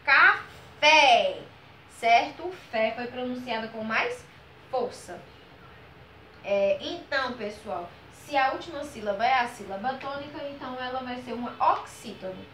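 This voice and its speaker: A woman teacher explaining a grammar lesson, pronouncing example words slowly and checking in often with "ok?" and "certo?". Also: a little high, animated, roomy sound, slight background noise, low-quality recording. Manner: patient, drawn-out model words, frequent "ok?" and "certo?" checks.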